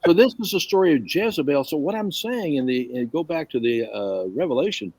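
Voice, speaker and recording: A man's voice: on the high side, lively intonation, a little fast, darkish tone, breathy edge, no echo. Man leading a chatty Bible study. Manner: chatty, rambling, with restarts and questions to the group. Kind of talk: casual group Bible teaching.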